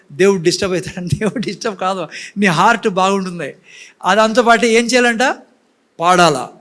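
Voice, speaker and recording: High-voiced man preaching to a congregation. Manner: lively preaching, questions to the congregation. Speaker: pastor. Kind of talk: sermon. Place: church.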